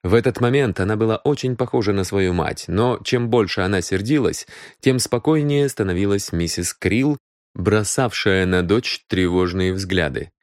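A man narrating an audiobook with an expressive storytelling delivery. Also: lowish voice, moderate pace, no echo, studio quality. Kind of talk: scripted narration.

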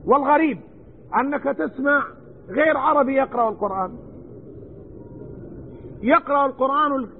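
Man, religious scholar, earnest lesson, very high voice, faint hiss. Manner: earnest, addresses listeners directly and demonstrates recitation. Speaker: Islamic scholar teaching Quran commentary. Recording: tinny narrow-band recording with faint noise.

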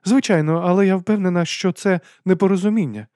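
A man voicing a kindly but flustered upper-class lady in an audiobook, talking in quick exclamations. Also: high voice, warm tone, no echo, studio quality, pitched above the performer's own voice, close to an everyday voice. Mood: hearty, concerned. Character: hearty, fussy upper-class aristocratic lady, middle-aged. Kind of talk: audiobook character voice.

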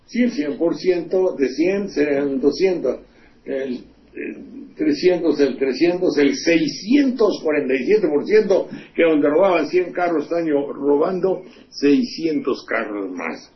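A man's voice: a little high, lively intonation, unhurried. Scornful man ranting on radio. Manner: scornful, profane, rhetorical questions. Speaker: radio host and commentator. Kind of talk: indignant political commentary. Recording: dull lo-fi radio recording, faint hiss.

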